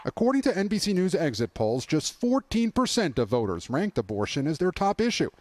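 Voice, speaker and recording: A man's voice: on the high side, sing-song, a little fast, darkish tone, dry recording. An American man delivering scripted television news narration as a correspondent.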